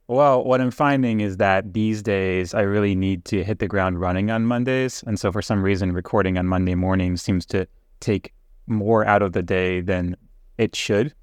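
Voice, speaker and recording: A man co-hosting a podcast in casual conversation, speaking in a measured way with fillers. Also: lowish voice, steady tone, dry recording, studio quality. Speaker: podcast co-host.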